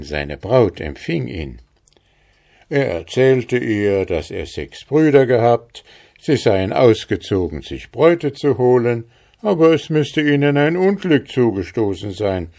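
A man reads a fairy tale aloud with a low voice and an unhurried pace. His delivery is calm and measured, a steady storyteller walking through the tale. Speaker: narrator.

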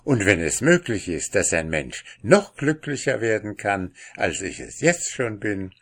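Cheerful polite young man, courteous, slow storybook telling, voiced by a man. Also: on the low side, very animated, heavily acted. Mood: contented.

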